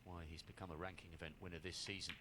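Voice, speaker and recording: Low-voiced male snooker commentator. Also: level tone, quick pace, noisy background.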